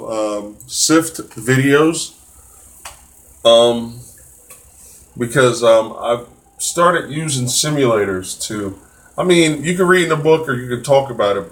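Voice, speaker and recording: Casual man teaching math live. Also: mid-range voice. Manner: casual, encouraging, many fillers and restarts. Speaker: test prep tutor. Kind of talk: live-stream math lesson.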